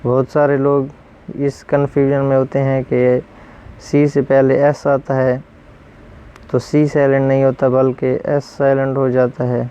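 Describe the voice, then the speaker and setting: A man teaching English pronunciation, repeating each rule and word slowly and then giving its meaning. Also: mid-range voice, completely flat delivery, dark tone, clear, resonant tone, highs cut off. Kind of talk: explaining pronunciation rules.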